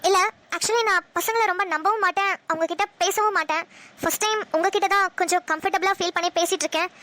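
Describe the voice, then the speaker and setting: A self-made young businesswoman from a cartoon, reserved and wary of strangers, as a woman plays her. She speaks fast in a very high, bright voice. She sounds firm and guarded. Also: steady tone. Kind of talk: cartoon voice acting.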